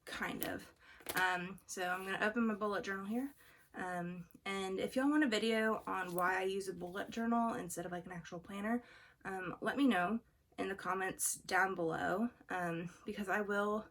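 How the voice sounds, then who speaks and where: Congested young woman, gravelly rambling vlog. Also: mid-range voice, steady tone, moderate pace, a bit bright. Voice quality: throaty. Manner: rambling, many fillers and tangents. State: congested from allergies. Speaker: vlogger studying for the bar exam. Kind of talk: casual vlog chat. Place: room at home. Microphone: camera on a fixed angle.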